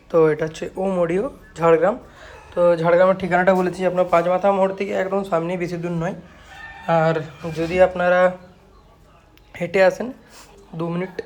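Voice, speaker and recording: Speaking in a high voice, a man with a West Bengal Bengali accent shows off products in a casual vlog, repeating himself like a salesman and dropping in English words. He owns a speaker repair shop and presents the goods himself. There's slight background noise.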